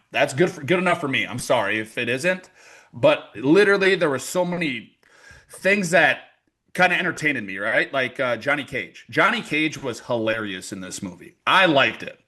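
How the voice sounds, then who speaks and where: A man's voice: mid-range voice, sharp tone. A man hosting a podcast in casual chat, rambling and joking as he passes the mic around. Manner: rambling, joking, restarts often. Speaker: podcast host.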